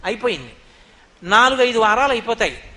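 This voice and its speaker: Male devotional speaker, animated storyteller, very high pitch, bright tone, hall reverb. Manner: animated storytelling, chants verses slowly.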